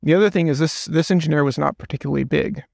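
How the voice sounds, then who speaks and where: A man's voice: on the high side, racing, gravelly, darkish tone, no room sound. A man, a podcast guest, explaining at length in casual conversation and telling stories with quoted voices.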